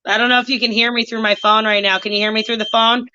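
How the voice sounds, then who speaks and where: A woman's voice: a little high, flat delivery, fast, bright, forceful tone. A woman calling into a livestream over a tinny phone speaker, chatting casually while she fiddles with her headset. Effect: tinny phone speaker sound. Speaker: caller on a livestream. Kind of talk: casual chat. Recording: muffled phone line.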